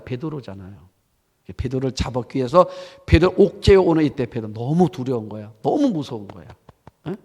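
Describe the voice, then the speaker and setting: A man preaching a sermon as pastor, telling the story with lively questions to the congregation. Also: fairly high pitch. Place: church sanctuary. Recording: church hall reverb.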